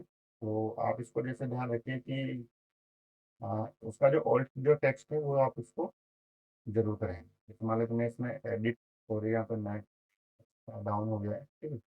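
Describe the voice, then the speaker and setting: A hoarse man giving a casual screen-share web design tutorial, rambling with lots of fillers and frequent "okay?" check-ins. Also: medium pitch, darkish tone, a little hiss or hum, rough recording.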